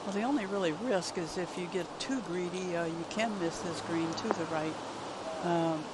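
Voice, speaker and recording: A male golf commentator offers conversational analysis of shots and greens. His pitch is notably high for a man, and heavy outdoor background noise surrounds the voice. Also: normal speed.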